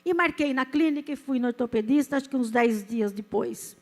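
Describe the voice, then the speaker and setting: A woman's voice: sits high, brisk, darkish tone. A woman in her fifties with a Brazilian Portuguese accent, a pastor giving an earnest, emotional sermon with a personal testimony. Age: 50s. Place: church.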